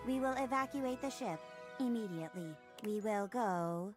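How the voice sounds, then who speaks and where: A woman's voice: medium pitch, lively intonation, moderate pace, over music, close to an everyday voice. A woman voicing a dutiful robot ship assistant, with stiff, formal robot speech and spoken beeps.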